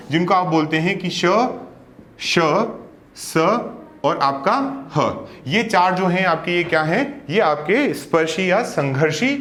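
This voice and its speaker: A man teaching an exam-prep lesson, explaining step by step, asking questions and answering them himself, and sounding out letters slowly one by one. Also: high-pitched, reverberant.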